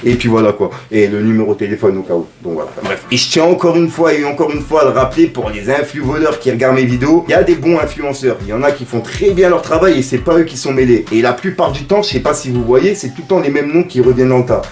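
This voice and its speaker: A man's voice: mid-range voice, expressive, fast, hardly any pauses, a little mellow, echoey room. A man ranting casually to his viewers, rambling and talking straight to camera. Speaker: YouTuber. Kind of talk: casual vlog monologue.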